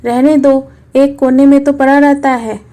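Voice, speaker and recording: A mild-mannered grown son speaks calmly and soothingly, as a woman reading a storybook voices him. The tone is warm and mellow, pitched a little high. Nothing in it is harsh. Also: measured pace. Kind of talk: storybook narration.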